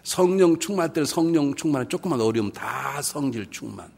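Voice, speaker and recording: A male pastor giving a revival sermon, animated and humorous, swinging between hushed and loud and acting out quoted voices. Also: mid-range voice, fairly quick, vocal fry. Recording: reverberant hall with faint background noise.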